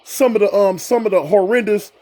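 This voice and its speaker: Interviewer, male, high voice; casual, emphatic, leans on repeated phrases. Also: a little fast, warm tone, slight background noise. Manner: emphatic, repeats answers back for stress. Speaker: interviewer, host.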